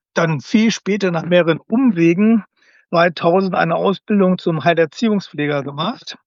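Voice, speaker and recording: A man's voice: sits high, no room sound. A man who grew up in Germany, a special-needs educator as podcast guest, explaining at length with frequent hesitations. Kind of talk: conversational interview. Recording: slightly dull, dry sound.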